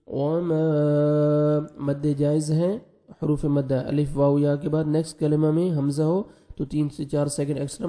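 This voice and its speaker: A man teaching tajweed, spelling letters quickly and then reciting each word slowly and drawn out. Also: a little high, warm tone. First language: Urdu. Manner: alternates rapid explanation with slow drawn-out recitation.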